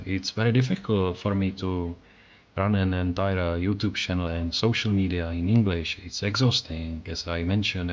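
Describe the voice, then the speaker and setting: This artist and channel creator has a low-sitting voice and a Czech accent, Czech being his first language. He delivers a scripted voice-over in an earnest, reflective, self-critical way, captured in lo-fi sound.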